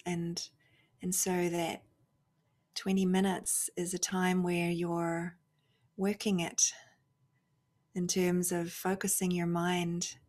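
Speaking in a fairly low pitch, a woman guides listeners through a spiritual meditation. Her phrases are short, soft and reflective, with long pauses between them, and her voice often fades to little more than a whisper.

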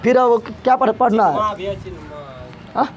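A man teaches a math class in a classroom. His voice sits very high, and he keeps asking the same question twice and stretches out slow counting for his students. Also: highs cut off, a crowd in the background. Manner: drills students with repeated questions, drawn-out counting. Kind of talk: classroom lesson with call-and-response questions.

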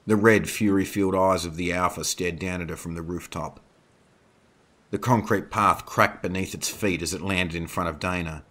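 A male narrator reads a horror story with a deep, low voice. His tone is bright and crisp despite the low pitch. His delivery is steady and measured. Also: slight background noise. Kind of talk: scripted narration.

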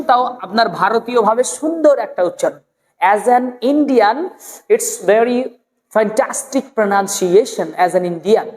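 In a spoken English lesson, a fairly high-voiced woman teaches pronunciation, drawing each word out slowly, repeating it and quizzing the viewer. A long, echoing reverb hangs over the sound.

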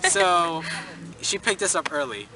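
Teen boy vlogger, lively pitch that swings a lot, loose and swearing. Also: measured pace, crowd noise. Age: teens. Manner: animated, laughing, swearing, acts out others' lines. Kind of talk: casual storytelling. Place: indoors at a house.

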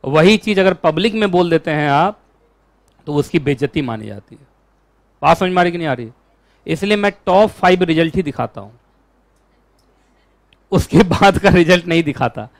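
A man teaching a law class, lecturing in an animated way and asking his students questions all the time. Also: a little high, normal speed, pauses often, no room sound.

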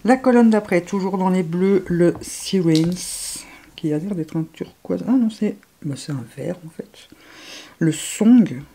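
A woman gushing over makeup swatches, excitable, often dropping to hushed murmurs. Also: lowish voice, a little slow. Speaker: beauty vlogger.

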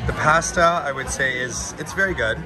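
A man's voice: a little high, moderate pace. A young man vlogging a restaurant review, chatting candidly and jokingly, swearing freely, filmed on a phone at arm's length. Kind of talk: casual chat. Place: upscale restaurant, then city street outdoors. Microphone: phone held at arm's length. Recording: background music and crowd chatter.

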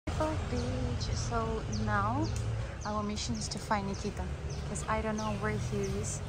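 A woman vlogger narrating her day in relaxed, chatty, slightly broken English over loud music. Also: medium pitch, heavy background noise. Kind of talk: casual vlog narration.

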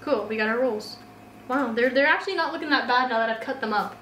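A woman's voice: a little high, quick pace, a bit bright. Chatty young woman hosting a cooking video. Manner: chatty, giggly, keeps updating viewers. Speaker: host. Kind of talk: casual cooking chat. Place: home kitchen. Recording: echoey kitchen with faint noise.

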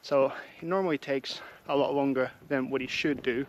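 A man's voice: mid-range voice, steady tone, normal speed, a little hiss or hum, rough recording. A man with an English accent chatting casually to camera while hiking outdoors on hilly trails. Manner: chatty, friendly, talks while walking uphill. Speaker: hiking vlogger. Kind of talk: casual walking vlog chat to camera. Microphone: camera mic while walking.

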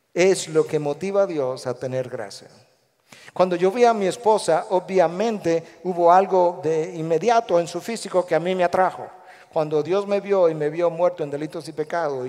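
A male pastor with a Guatemalan Spanish accent preaching a sermon in a large church, animated, acting out the voices he quotes. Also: fairly high pitch. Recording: long echo of a large church hall.

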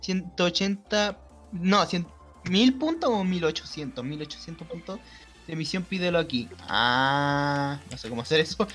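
Gamer buddy, chatty and giggly, mid pitched voice, faint music under it. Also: animated, moderate pace, fairly bright tone. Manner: chatty, giggly, narrates what is on screen. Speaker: gaming friend. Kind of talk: casual gaming chat.

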